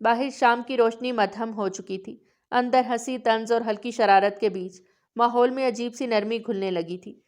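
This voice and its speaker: A woman reading a romance novel aloud in calm, even storytelling narration. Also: fairly high pitch.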